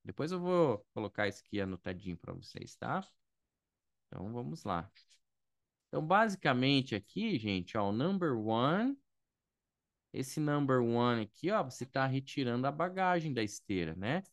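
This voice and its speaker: A Brazilian English teacher runs a casual online lesson on airport vocabulary, his medium-pitched voice swinging widely in pitch at a moderate pace. The studio-quality recording has no echo, and he explains patiently, thinks aloud and checks in with students frequently.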